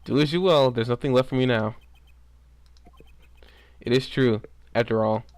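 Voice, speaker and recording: A man's voice: medium pitch, normal speed, a little mellow, no echo, natural voice. Man acting out a gloomy, theatrical stage magician. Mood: bitter resignation. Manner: grandiose, old-fashioned phrasing.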